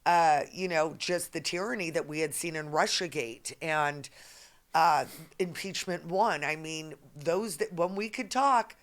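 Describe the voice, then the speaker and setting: Emphatic woman podcast host. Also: low voice. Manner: emphatic, fast run-on statements. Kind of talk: political podcast interview.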